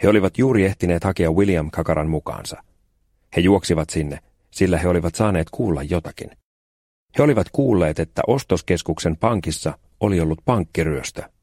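A man reads a children's story in a calm, even way with dry, deadpan timing. His voice sits very low. He is recorded close on a studio mic with no room echo. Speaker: audiobook narrator. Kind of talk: scripted narration.

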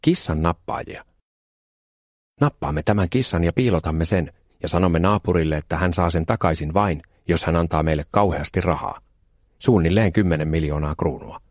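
A man's voice: low-pitched, no echo, studio quality. A man voicing a cheeky, scheming young boy in an audiobook, eager and bossy in his plans. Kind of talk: audiobook character voice.

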